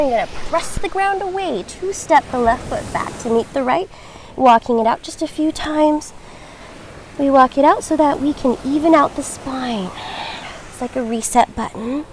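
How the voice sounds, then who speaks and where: A woman teaching a guided yoga class, giving encouraging, reassuring, measured cues as the instructor. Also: high-pitched, slight background noise.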